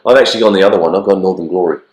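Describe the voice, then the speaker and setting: A hoarse Australian man with a croaky, frog-like voice from the flu, co-hosting a racing show in casual, blokey, halting chat, often repeating himself. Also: low voice, a little mellow. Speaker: co-host of horse racing show. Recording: echoey, roomy sound.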